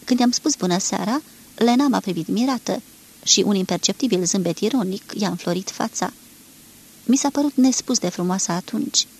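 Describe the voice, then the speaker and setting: A woman reading a literary novel aloud in a measured way, lightly acting out the dialogue, from a 1983 archive recording. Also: medium pitch, creaky, a little mellow, slightly rough. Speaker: reader of a novel. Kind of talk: scripted literary narration.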